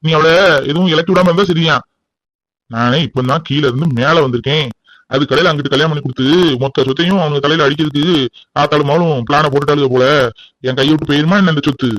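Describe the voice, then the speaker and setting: ஒரு ஆண் நடிக்கும் கோபமான கண்டிப்பான கிராமத்து அப்பா. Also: male voice, fairly high pitch, fast, fairly bright tone, no echo, natural voice, rough recording. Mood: angry scolding. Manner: harsh, scolding, threatening. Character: stern, angry village father, middle-aged. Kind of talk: cartoon voice acting.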